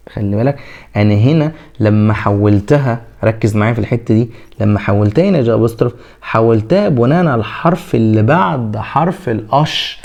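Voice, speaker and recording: In a classroom lesson, a man with an Egyptian Arabic accent teaches French pronunciation, stretching out example words slowly and answering his own questions. His voice is mid-range, gravelly, and slightly mellow.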